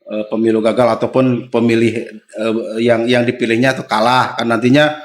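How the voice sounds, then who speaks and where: Steady Indonesian-speaking man explaining plainly. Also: medium pitch, moderate pace. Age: 40s. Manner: steady explanatory, agrees often with short replies. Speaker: guest official. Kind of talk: casual podcast conversation.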